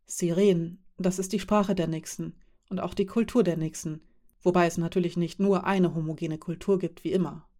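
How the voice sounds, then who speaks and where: Woman doing a calm friendly half-elf half-dwarf guy, explains things, low and mellow, quietly amused. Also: moderate pace, close to an everyday voice.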